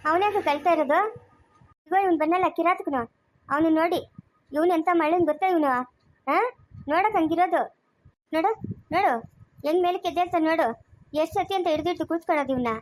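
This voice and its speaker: A woman acting a stern, sharp-tongued lady of the house who refuses to hand over the baby, with a Chikkaballapur Kannada accent, in an amateur family drama. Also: extremely high pitch, fast talker, pauses often. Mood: scolding. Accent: Kannada of Chikkaballapur area. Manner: scolding, commanding, sharp-tongued.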